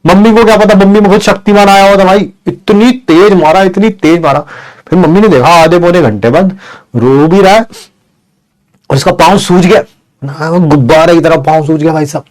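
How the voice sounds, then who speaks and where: A man telling a funny childhood story to students in a lively way, checking in with the listeners often. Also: high-pitched, normal speed. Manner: lively, addresses listeners with "bhai sahab" and "hai na". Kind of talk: animated storytelling.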